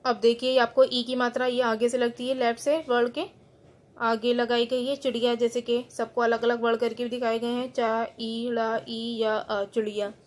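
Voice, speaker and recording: An Indian woman teaches Hindi to school students in an online class, explaining each rule, restating it more simply, and slipping in English terms. Her voice is on the high side, delivered flatly at a moderate pace.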